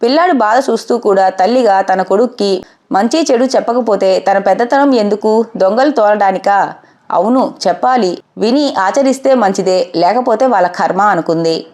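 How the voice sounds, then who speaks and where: Calm woman reading a story aloud. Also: mid-range voice, moderate pace. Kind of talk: scripted narration.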